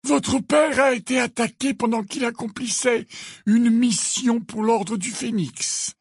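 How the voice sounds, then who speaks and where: A man voicing an old, grand headmaster wizard in an audiobook, speaking slowly and with calm authority. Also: very high voice, vocal fry, slightly rough, dry recording, clean studio sound, voice pushed up, full character voice. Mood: explaining. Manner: slow, deliberate commanding speech. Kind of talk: audiobook character voice.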